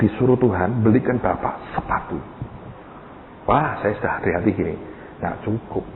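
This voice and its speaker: Male preacher, lively storytelling sermon, tinny lo-fi sound, echoey church hall. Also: on the low side, a little hiss or hum. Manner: lively storyteller acting out dialogue, addressing the congregation. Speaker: pastor.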